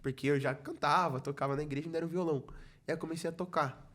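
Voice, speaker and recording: Speaking in a fairly bright, high-ish voice with fairly even intonation, this young Brazilian youth ministry leader races through his testimony on a casual podcast. He plays out the conversations he recounts, peppering them with "falei assim".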